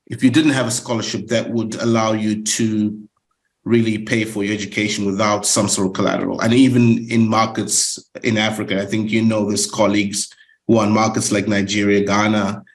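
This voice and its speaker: A middle-aged Zimbabwean man, speaking as a guest for a student lender, gives a webinar presentation full of fillers and repeated words. His voice is lowish, level and brisk.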